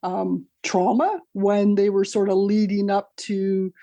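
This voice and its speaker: A woman's voice: medium pitch, little pitch movement, warm tone, no echo, muffled recording. A middle-aged woman, Italian her first language, earnestly and hurriedly telling her story as an interview guest, often restarting her sentences. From Canada. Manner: earnest, rushed retelling with many restarts. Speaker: guest, author. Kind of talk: interview over a call.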